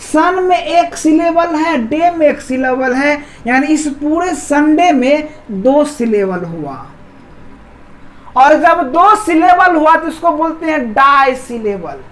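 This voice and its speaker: A woman's voice: sits high, lively intonation, takes it slowly, rough recording. A woman teaching an English grammar lesson who repeats key words and keeps asking her viewers questions. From India. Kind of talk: explaining a lesson.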